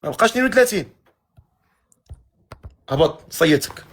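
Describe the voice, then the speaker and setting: The host of a matchmaking live stream, a man with a Moroccan accent, teases guests through a barrage of quick questions. He sounds a little high, very animated, and fairly bright.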